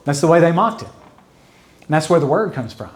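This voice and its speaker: A man's voice: a little high, lively intonation, brisk. A man as pastor, teaching a Bible study in a conversational way, explaining with repetition and asides. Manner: mimics mocking babble with fading repeats. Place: church.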